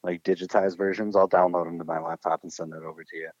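A man's voice: low-pitched, little pitch movement, fast, a little mellow, no echo. A young man hosting a podcast in casual chat, laid-back and slangy, laughing often. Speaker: podcast host. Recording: muffled dull sound.

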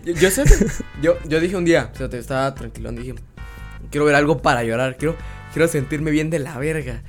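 A man's voice: fairly high pitch, brisk, soft background music. A young man with a Guatemalan Spanish accent, telling stories on a casual podcast, full of laughter and profane slang. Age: young adult. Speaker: podcast co-host. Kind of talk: casual chat.

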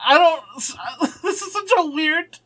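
A man's voice: very high voice, slow, bright, forceful tone. A young man co-hosting a podcast, chatting casually and animatedly, laughing often and swearing freely. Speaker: podcast co-host. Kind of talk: casual anime recap chat.

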